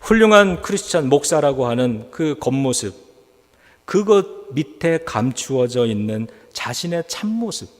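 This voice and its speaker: A man's voice: mid-range voice, sing-song, measured pace. A man preaching a sermon as a pastor, telling a story and acting out the voices of the people in it. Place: church sanctuary. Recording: church hall reverb.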